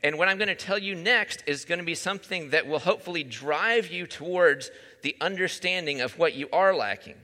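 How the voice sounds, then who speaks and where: Bright-voiced man preaching in a hall. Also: on the high side, brisk. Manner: conversational, asks the listeners questions. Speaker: pastor. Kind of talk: sermon.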